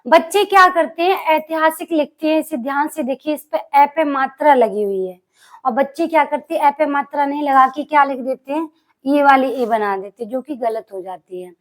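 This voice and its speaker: A woman with a high voice leads an exam-prep spelling lesson as a teacher. She keeps asking the class questions and answering them herself. She draws out key words slowly to stress how they are spelled.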